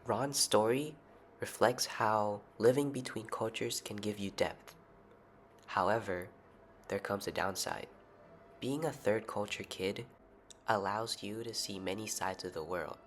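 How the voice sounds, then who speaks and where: A man hosts a podcast, reading scripted narration evenly and putting short questions to his guests. His voice is fairly low and unhurried, with music playing underneath.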